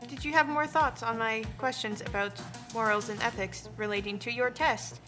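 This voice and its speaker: A woman's voice: a little high, normal speed, music in the background, lightly acted. A woman voicing a naive, inquisitive machine being in a tabletop game, with careful, literal phrasing. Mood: puzzled, earnest.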